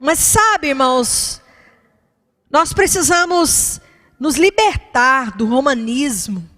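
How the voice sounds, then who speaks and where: A woman's voice: sits high, lively intonation, slow pace, pushed and bright. A woman pastor, preaching a fervent sermon and calling out to the congregation.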